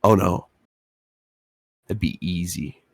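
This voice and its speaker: A man talking casually as a player in a tabletop role-playing game, explaining things thoughtfully and haltingly. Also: sits low, vocal fry, breathy edge, no echo, clean studio sound.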